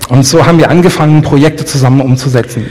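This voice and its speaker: Church interpreter, echoing hall. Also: male voice, medium pitch, a little mellow. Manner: quick rephrasing, some hesitation. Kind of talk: live sermon interpreting. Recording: long church hall reverb.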